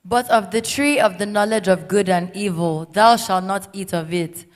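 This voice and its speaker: Female scripture reader, mid-pitched, plain steady delivery, distant in a reverberant hall. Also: moderate pace. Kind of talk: reading scripture aloud.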